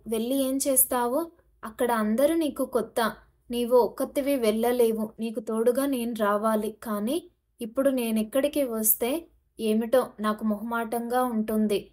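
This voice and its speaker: A woman voicing a worried middle-aged mother who coaxes and gently scolds her daughter. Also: fairly high pitch, steady tone, normal speed, close to an everyday voice. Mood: firm.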